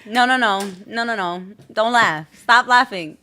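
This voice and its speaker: A woman's voice: on the high side, measured pace, sharp tone, slight background noise. A woman hosting a podcast in a casual, chatty way, sometimes tripping over her words. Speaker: podcast host. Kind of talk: casual interview chat.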